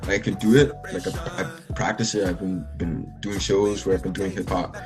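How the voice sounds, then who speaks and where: Over music, a young adult musician from the Bahamas speaks as an interview guest in a low-pitched, steady voice at normal speed. He chats casually and rambles, full of "likes" and restarts.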